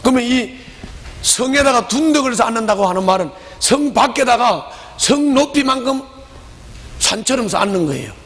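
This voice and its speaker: A man preaching a lively sermon as a pastor, telling the story and speaking directly to his congregation. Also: extremely high pitch, moderate pace. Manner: animated, storytelling, talks to the congregation. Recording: long hall reverb.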